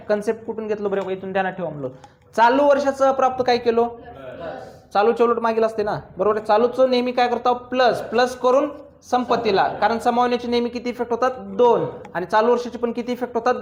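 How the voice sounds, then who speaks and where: A man teaching accounts to a classroom, firing quick questions at his students and teasing them as he drills each step. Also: extremely high pitch. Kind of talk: classroom lecture.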